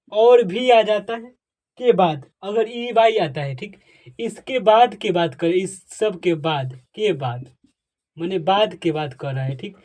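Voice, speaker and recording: In a slightly mellow, high voice, an English teacher walks through pronunciation rules in Hindi. Questions come up again and again, which he answers himself while repeating key points; he greets viewers as dear friends and asks them to comment.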